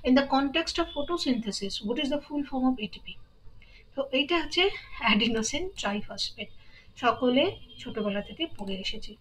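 A woman with a Bengali accent teaching an exam-prep lesson, reading questions out slowly and then explaining the answers briskly. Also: a little high, expressive, rough recording.

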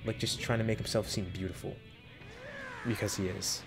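Excitable young man reacting to game summons. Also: moderate pace, gravelly, music in the background. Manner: excitable, jumps into high yelps when hyped, muttering between pulls. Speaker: gaming video host. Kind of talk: casual gacha summon reaction.

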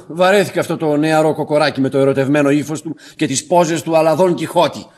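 An actor playing a drunk, teasing, cowardly brother in a radio drama, with a mocking, theatrical delivery. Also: male voice, a little high, steady tone, darkish tone, lightly acted. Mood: teasing, tipsy. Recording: old radio archive recording.

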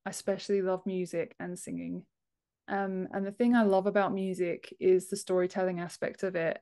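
A woman in her thirties, an author and book formatter, joins a podcast as a guest over a video call from a room at home and talks casually. Her voice is mid-range with a dark tone.

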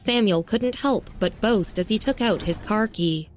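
A woman narrating a serialized audio story in a steady, even reading. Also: mid-range voice, unhurried, slight background noise.

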